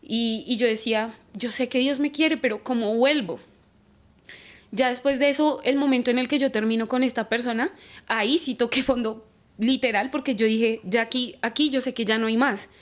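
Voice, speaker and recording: On a church podcast, a young female guest from Colombia recounts her testimony at a moderate pace in a voice on the high side. She brings it to life, animatedly acting out the dialogue she recalls.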